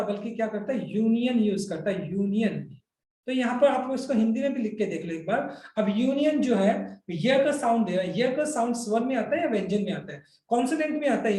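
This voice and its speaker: A man with an Indian accent and a very high-pitched, slightly mellow voice teaches English grammar in an explanatory classroom lecture, recorded with a roomy sound. He mixes Hindi and English, speaks directly to his students, and frequently checks their understanding with "right?".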